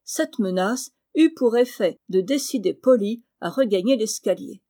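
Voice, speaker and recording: Woman, audiobook narrator, mellow dark tone, calm measured reading. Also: mid-range voice. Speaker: audiobook reader. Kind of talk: scripted narration.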